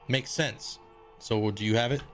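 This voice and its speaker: A man's voice: mid-range voice, fairly even intonation, unhurried, fairly bright tone, soft background music. A man streaming a video game, chatting casually, thinking aloud and swearing freely. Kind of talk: casual gaming livestream commentary.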